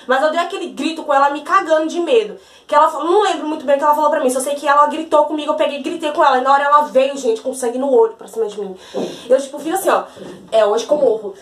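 A young woman from Brazil chatting fast to her viewers in a bright, high voice. She tells her story casually and keeps checking in with her audience. The room around her gives the voice a noticeable echo. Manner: chatty, keeps saying "gente" and "entendeu". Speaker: vlogger.

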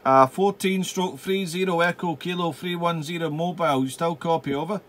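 A high-pitched man works as an amateur radio operator in his home radio room. He chats casually, repeats his phrases and slips into call signs and phonetic spelling. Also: normal speed, very noisy.

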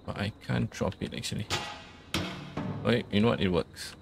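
Over background music, a man hosts a casual let's play, murmuring his thoughts aloud and reading on-screen instructions as he goes. His voice is fairly low and creaky, at a moderate pace.

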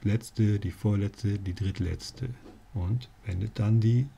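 A man's voice: on the low side, slow, vocal fry, mellow, slight background noise. A male teacher explaining spelling rules to learners, with dry jokey asides. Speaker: language teacher.

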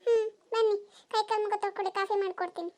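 A woman voicing a gentle young wife who greets her husband in a cartoon. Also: very high voice, fairly even intonation, rapid-fire. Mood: caring.

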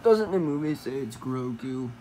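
A woman's voice: rumbling low, animated, moderate pace, warm tone. Woman doing toy play, playful, voice swings up and down, faint hiss.

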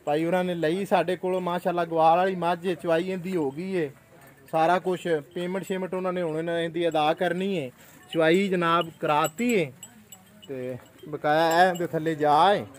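A Punjabi-accented man hosting a live animal sales vlog outdoors, chatty and sprinkling his talk with pious phrases and proverbs, picked up by the camera with no mic. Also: high voice. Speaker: host of an animal sales channel. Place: outdoors at a cattle yard. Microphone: no mic, camera audio only.

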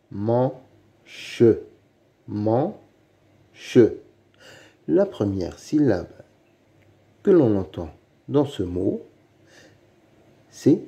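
Slow, deliberate man teaching syllables. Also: lowish voice, dark tone. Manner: slow, deliberate, repeats each word and syllable. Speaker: reading teacher. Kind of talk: slow reading lesson for children.

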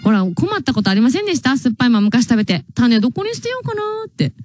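A woman's voice: on the high side, big pitch swings, rapid-fire, darkish tone, dry recording, faint music behind. A young woman with a Kansai accent, hosting a radio show and chatting casually, reading listener mail and laughing often. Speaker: radio host. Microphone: studio microphone.

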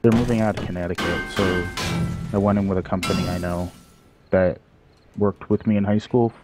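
A young man drops into a game stream with easygoing, chatty remarks. His voice sits low, and music plays clearly underneath. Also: steady tone, moderate pace. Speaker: stream guest. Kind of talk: casual chat.

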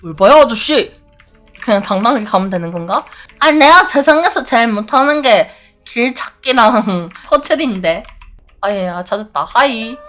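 With soft music behind her, a woman streamer speaks at normal speed in a fairly high, animated and slightly bright voice. She's a VTuber playing a horror game, reading out dialogue and yelling curses when startled.

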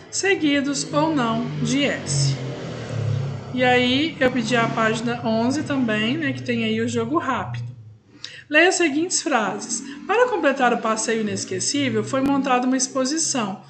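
A woman teaching a recorded lesson with a Brazilian Portuguese accent, patiently explaining step by step and drawing out words as she says them. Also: high-pitched.

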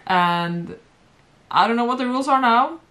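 A young woman from Sweden, a former model appearing as a guest, chats about her modeling days while seated on a sofa in a bright home room. Her voice is fairly high and a bit bright, with lively intonation at a moderate pace, and she giggles often.

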